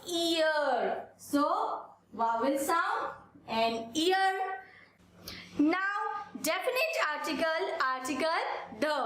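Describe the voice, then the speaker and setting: A high-voiced woman with an Indian accent gives a grammar lesson. She talks very slowly and deliberately, drilling one example after another. Her voice rings out in a strongly echoing room. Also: a bit bright, slight background noise. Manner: slow, deliberate drilling of examples, asking and answering her own questions. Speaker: English grammar teacher. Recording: very echoey room.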